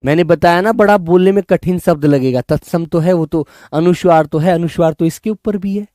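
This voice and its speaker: A man teaching in a live online class, coaxing his students and drilling words by repeating them slowly. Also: on the high side, dark tone, dry recording, studio quality. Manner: coaxing, addresses students as children and brothers. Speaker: Hindi teacher.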